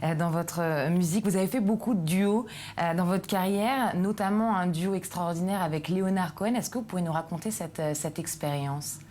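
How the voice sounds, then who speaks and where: A woman's voice: fairly low pitch, normal speed, warm tone. A woman hosting a TV culture interview in a studio, asking questions with frequent hesitant fillers. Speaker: TV culture host.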